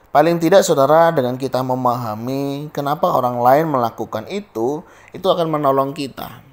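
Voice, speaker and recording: A man with an Indonesian accent preaching a daily devotional sermon in a conversational way, often turning to his listeners and telling stories that act out their people. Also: medium pitch. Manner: conversational, often addresses listeners as brothers and sisters; tells stories and acts out the people in them.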